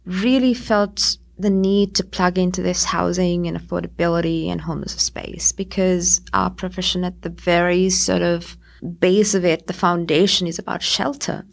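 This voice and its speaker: Gravelly low-voiced woman from Sri Lanka. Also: fairly even intonation, normal speed. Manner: chatty, with many fillers and quoted asides. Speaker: interview guest, architect. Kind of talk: conversational interview.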